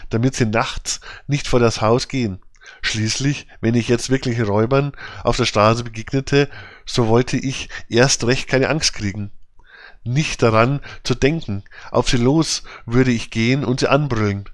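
A man voicing a cocky wooden puppet boy in a storybook reading, speaking slowly and emphatically. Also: medium pitch, no echo, studio quality, natural voice. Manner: bragging, slow and emphatic.

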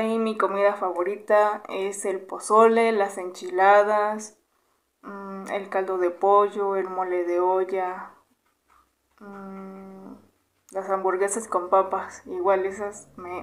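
In a casual Q&A vlog shot on a close-held camera in a small bedroom, a woman in her twenties from Mexico chats through viewer questions, humming in between. She has a Mexican Spanish accent and a slow, mid-range voice, with slight background noise in the recording.

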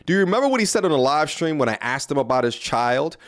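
A man in his thirties speaks straight into a close studio mic, his voice sitting a touch higher than most men's. He lays out his case in a scripted, earnest commentary, pointed and now and then openly incredulous. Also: very animated, fast talker. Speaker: commentary YouTuber. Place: small room indoors. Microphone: studio mic on a boom in front of him.

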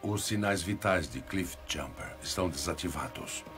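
Low, gruff robot medic. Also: male voice, lively intonation, normal speed, music in the background. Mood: grim. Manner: stern, blunt. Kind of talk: animated series dub acting.

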